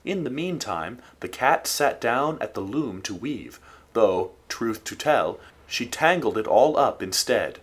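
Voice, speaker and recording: A man reads a folk tale aloud in a steady, expressive way. His voice is slightly husky, and his pitch moves a lot as he tells the story. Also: unhurried. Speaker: narrator. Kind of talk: storybook narration.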